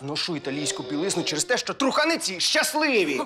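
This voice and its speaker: An actor playing a jealous, agitated husband in a TV drama, questioning insistently. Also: male voice, sits high, sing-song, fast, noisy background. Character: jealous, agitated husband, middle-aged man. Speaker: husband, former footballer. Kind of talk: TV drama acting.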